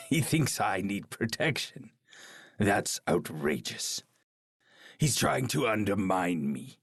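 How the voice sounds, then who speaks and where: King Zarek, a gravelly, arrogant warrior king. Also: on the low side, sing-song, dry recording, clean studio sound, full character voice. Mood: scornful, suspicious. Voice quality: gravelly, husky. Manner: imperious, scornful, slow and deliberate. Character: proud, arrogant, paranoid warrior king and scornful father. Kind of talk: dramatic video game cutscene acting.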